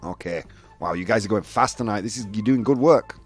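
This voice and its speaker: A man's voice: fairly low pitch, fairly quick. A British man hosting a casual livestream game and reading out viewers' answers in a chatty way. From United Kingdom. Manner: chatty, reads viewer answers aloud, animated. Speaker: show host. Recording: faint background music.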